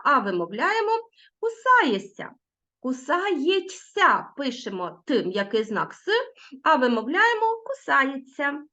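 A middle-aged woman teaches a video lesson in a fairly high, very animated voice. She stretches out example words and stresses them carefully. The sound is dull and lo-fi. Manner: lively, drawn-out word stressing.

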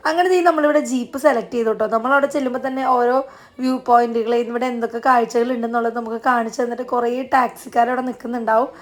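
High-voiced, fast-talking woman narrating. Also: fairly even intonation. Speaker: travel vlogger. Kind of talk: casual travel vlog voice-over narration.

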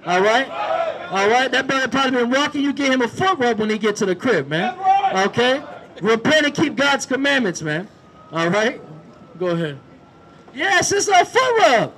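Man street preaching outside, really high voice, keeps tossing in "all right?", gets shouty. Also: rough recording. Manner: rises to shouting exhortation. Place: outdoors on a street.

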